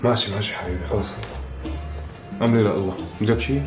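A man's voice: fairly low pitch, steady tone, quick pace, lightly acted. A man with a Syrian accent acting as an exasperated young husband in a comedy sketch, talking in a grumbling way. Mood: weary. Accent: Syrian Levantine Arabic. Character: grumbling young husband, tired of social outings. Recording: background music under dialogue.

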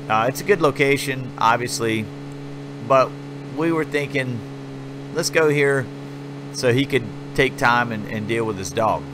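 A gaming channel host gives an offhand, meandering play-by-play of his gameplay footage. His mid-range voice comes a little slowly against a noisy background.

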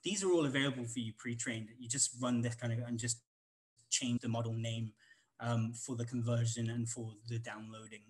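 A man's voice: medium pitch, steady tone, normal speed, low-quality recording. A man with a Welsh accent giving a casual live coding walkthrough at a conference, rambling with many ums and restarts. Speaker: conference instructor.

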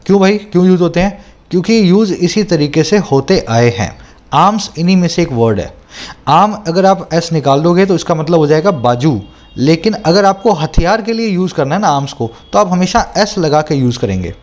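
A man's voice: on the high side, animated, darkish tone. Man teaching English in a lesson. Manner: explains slowly, repeats terms in Hindi and English. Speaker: English tutor. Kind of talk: exam-prep lesson.

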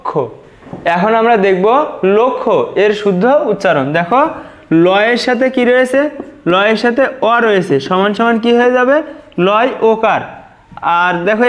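Male teacher, high-pitched voice, patient, repeats each syllable slowly, exam-prep lesson.

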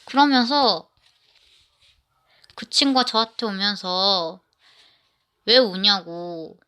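A woman's voice: medium pitch, lively intonation, slow pace, sharp tone, clean tone. A woman narrating a personal story in the first person, rambling and often restarting her sentences.

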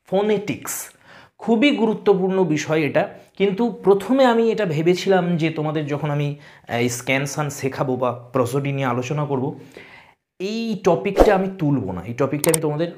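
A man teaching an exam-prep lesson, patiently explaining step by step and sounding out words slowly. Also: fairly high pitch, animated, darkish tone.

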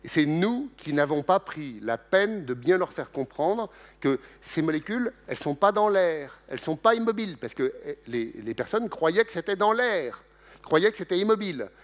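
A middle-aged man gives a public science lecture in a lively, joking way. His pitch leaps up and down as he talks, and he often breaks off to restart a sentence or add an aside. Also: moderate pace. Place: lecture hall.

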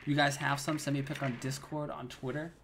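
A man's voice: a little high, flat delivery, quick pace, noisy background. A young man streaming a video game, chatting casually with viewers by name and keeping his voice down. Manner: casual, keeps greeting viewers by name, says bro and my man; keeping his voice down so his wife can sleep. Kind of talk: live gameplay stream chat. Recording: game gunfire audible in background.

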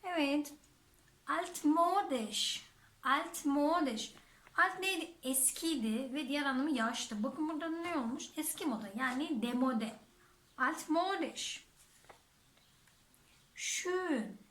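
A woman's voice: high-pitched, lively intonation, normal speed, few pauses, a bit bright. A woman teaching a vocabulary lesson, saying each word twice and then translating it. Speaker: German teacher. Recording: echoey room.

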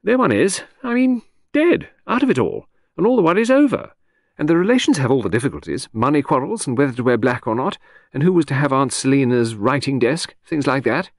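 A man's voice: medium pitch, big pitch swings, a little fast, no room sound, studio quality, voice pushed up. A man voicing a flighty older aristocratic lady who chatters and rambles breezily. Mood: breezy.

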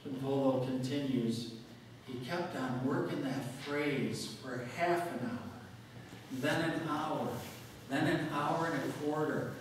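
A man's voice: medium pitch, takes it slowly. A male pastor preaching a dramatic sermon, building his story around repeated refrains. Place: church sanctuary. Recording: very echoey church from a distant mic, faint hiss.

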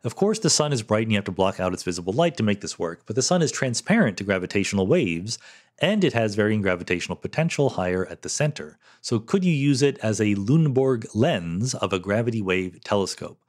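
This middle-aged man's voice sits fairly low, with a darkish tone, big swings in pitch, and a fairly quick pace. On his solo listener-question podcast he talks through science in a thoughtful, chatty way, regularly asking "right?" or "okay?".

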